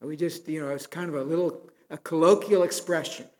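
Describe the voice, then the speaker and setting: A man delivering a sermon from the pulpit, earnest and storytelling, swelling into emphatic pleas. His voice sits a little high for a man. The sound rings with the long reverb of a big church sanctuary. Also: steady tone, fairly quick, darkish tone. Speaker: pastor.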